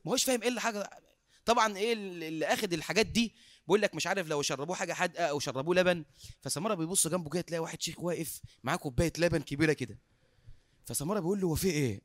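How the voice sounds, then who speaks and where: A man with an Egyptian accent delivers a sermon as a lively story, his voice pitched high and his speech very quick. He acts out the dialogue and laughs often, recorded close and dry with no room echo. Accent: Egyptian Arabic. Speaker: preacher.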